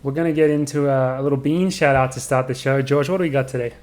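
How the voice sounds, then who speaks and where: A man's voice: mid-range voice, fairly even intonation, fast talker, a little mellow. A man hosting a podcast, upbeat and joking as he chats. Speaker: podcast host. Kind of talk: casual chat.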